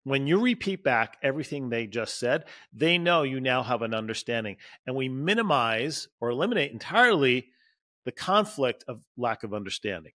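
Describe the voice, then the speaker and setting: Speaking at a moderate pace with lively intonation, this man has a mid-range voice with a sharp tone. He's a relationship coach hosting a podcast in a motivational, conversational solo format, addressing "you" and "guys" directly and acting out quoted bits.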